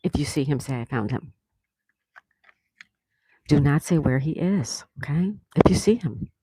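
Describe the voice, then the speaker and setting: An older woman chats her way through a livestream, reading comments from viewers and laughing along. Her voice is warm and mellow, recorded close and dry with no room around it. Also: low voice, animated, unhurried, slightly rough, no room sound. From South Florida, USA. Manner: chatty, reads comments aloud, laughs often. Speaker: livestream host reading chat. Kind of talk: casual live-stream chat.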